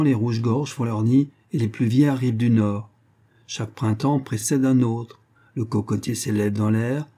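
A man reading the part of a composed, teasing woman of forty who speaks in calm, sententious phrases. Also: mid-range voice, slightly rough, lightly acted.

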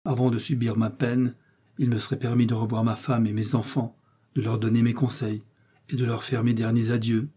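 A man reading a story aloud in a grave, steady narration. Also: mid-range voice, breathy edge. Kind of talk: audiobook reading.

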